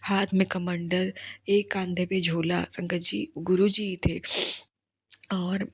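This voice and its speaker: A woman's voice: fairly low pitch, flat delivery, takes it slowly, breathy edge, no echo. A woman giving an earnest, tearful devotional testimony, pleading and repeatedly addressing the congregation.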